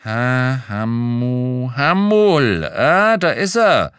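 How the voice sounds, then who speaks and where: A sullen fat office boss grumbles offhandedly, as a man reading the story puts him on. The voice sits far above the reader's low natural pitch. It is recorded dry and close. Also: expressive, normal speed, fairly bright tone, clean tone, dry recording, natural voice. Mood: grumbling offhand.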